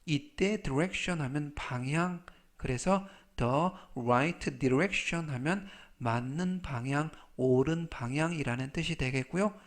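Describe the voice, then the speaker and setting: A man's voice: a little high, slow pace. A man teaching a basic English vocabulary lesson, repeating each word and spelling some out letter by letter. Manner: spells words out and repeats pronunciations.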